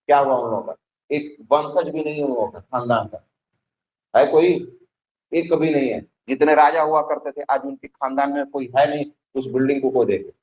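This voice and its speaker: A man's voice: mid-range voice, a little mellow. Guy teacher in a classroom going over log tables, keeps quizzing the kids, kinda muffled sound. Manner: repeats questions to the class, exhorting. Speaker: chemistry teacher. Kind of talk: classroom lesson and pep talk. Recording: slightly dull lo-fi sound.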